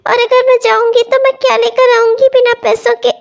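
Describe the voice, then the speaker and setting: A woman's voice: extremely high pitch, creaky, muffled recording. A woman voicing a young, festival-loving newlywed housewife in a cartoon, talking eagerly and then sobbing and pleading. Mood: distraught. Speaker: cartoon voice actor. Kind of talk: cartoon voice acting.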